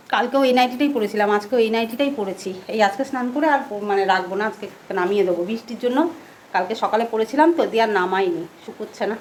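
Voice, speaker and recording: A middle-aged woman chatting casually and softly through a home vlog, talking while she goes about her day with a cold. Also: a little high, a little hiss or hum. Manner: chatty, homely, speaks softly. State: has a cold. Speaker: vlogger. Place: at home indoors.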